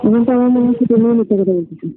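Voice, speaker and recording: A man doing a high-voiced jealous girlfriend on the phone. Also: racing. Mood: accusing. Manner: sharp, accusing, curt. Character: jealous young college girlfriend, accusing. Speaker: girlfriend in staged phone call. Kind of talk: staged phone-call drama. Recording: tinny phone line, faint hiss.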